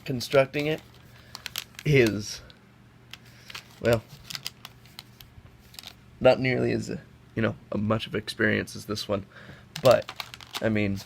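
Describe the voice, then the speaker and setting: His voice is fairly low and level, slow, with vocal fry and frequent pauses. This young man, sick and sniffling, reviews toys at a table indoors, rambling chattily and correcting himself in a casual hands-on comparison. It's a noisy home recording made with a camera mic off-screen above the table.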